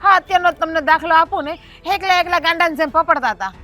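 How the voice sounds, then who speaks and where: A scolding, level-headed village wife. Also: female voice, extremely high pitch, fast, faint music behind. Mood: chiding. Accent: Kathiawadi Gujarati. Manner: chiding, urging calm. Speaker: wife of the elder brother. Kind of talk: rural family drama acting.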